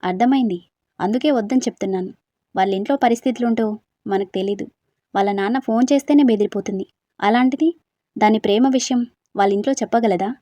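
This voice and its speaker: A woman's voice: mid-range voice, fast, pauses often, mellow, no echo, lightly acted. A woman voicing a level-headed young woman who firmly warns her friend, in a storybook reading. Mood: firm, worried. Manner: firm, frank advice.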